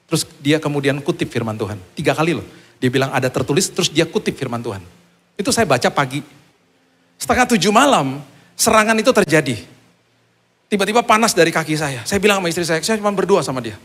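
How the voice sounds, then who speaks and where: A man preaching a sermon, telling a personal testimony in an animated way and acting out the dialogue. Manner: animated storytelling, acting out dialogue with big pitch jumps. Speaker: pastor.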